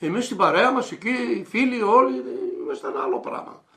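A man's voice: very high voice, vocal fry, bright, forceful tone. An older man reminiscing earnestly as an interviewee, hesitating as he searches for words. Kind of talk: nostalgic reminiscing.

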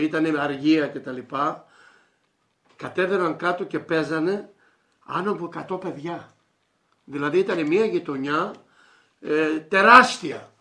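A man's voice: fairly high pitch, sharp tone. An older man reminiscing earnestly as an interviewee, hesitating as he searches for words. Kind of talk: nostalgic reminiscing.

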